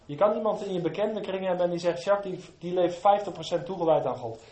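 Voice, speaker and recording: A man preaching a sermon to his congregation, moving between quiet, low asides and loud, fervent emphasis. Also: fast, reverberant.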